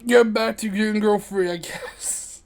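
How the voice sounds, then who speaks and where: A man's voice: high-pitched, fairly even intonation, measured pace. A young man streaming and narrating a game, jokey and laughing often while directing his friends. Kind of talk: casual chat while voice-acting a game.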